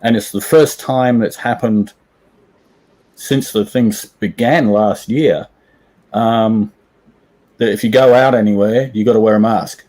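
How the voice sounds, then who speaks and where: A man's voice: fairly low pitch, unhurried, long pauses, darkish tone, low-quality recording. A man chatting casually as a guest on a video call, laid-back and rambling. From Australia. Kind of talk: casual chat.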